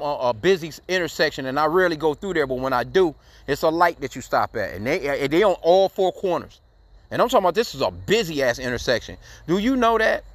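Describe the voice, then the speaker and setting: A slightly high male voice with no room sound. The host of a commentary channel talks casually to his viewers in a heated, profane, rambling way, ending his sentences with "man".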